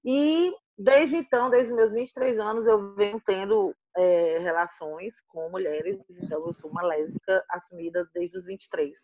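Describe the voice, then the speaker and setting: A woman in her fifties with a Ceará accent, telling her life story in a casual interview, animated and acting out the voices of the people she quotes. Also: mid-range voice, normal speed, few pauses, no echo, highs cut off. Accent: Northeastern Brazilian, from Ceará. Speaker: interviewee, mother and activist.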